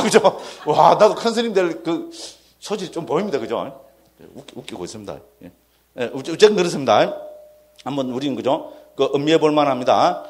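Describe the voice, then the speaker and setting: A monk with a slightly high voice gives a lecture on Buddhist doctrine, checking in with his listeners again and again. He drops in wry jokes at his own expense, which keeps the long explanation lively. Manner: constantly checks in with "그죠?" and "됐죠?"; lively, self-mocking asides.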